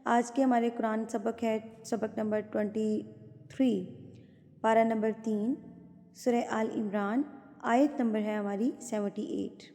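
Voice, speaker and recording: A woman teaches recitation rules in a patient, step-by-step way, asking and answering her own questions. Her voice sits high, and her recited verses are slow and drawn out. A long reverb trails behind her words. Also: level tone, mellow. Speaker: Quran tajweed teacher.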